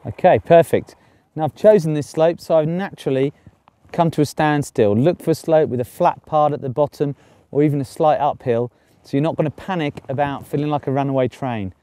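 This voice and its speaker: Mellow, higher-voiced male ski instructor. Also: fairly quick, no room sound. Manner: clear step-by-step instructing. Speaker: ski instructor presenting a lesson. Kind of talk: instructional presenting to camera. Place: outdoors on a snowy ski slope.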